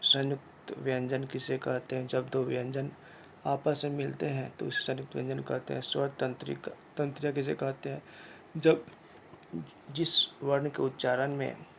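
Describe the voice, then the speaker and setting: A man teaching a grammar lesson, explaining slowly and repeating points, often asking a question and then answering it himself. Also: mid-range voice, creaky, fairly bright tone, slight background noise. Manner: slow, repetitive explaining with rhetorical questions. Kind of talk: classroom lesson.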